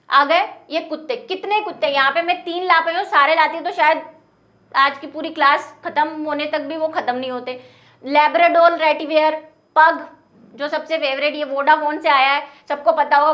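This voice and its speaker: A young woman with a high, light voice gives a classroom biology lecture. She explains each point patiently and keeps stopping to ask her students rhetorical questions. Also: fairly even intonation, moderate pace, fairly bright tone. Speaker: biology teacher.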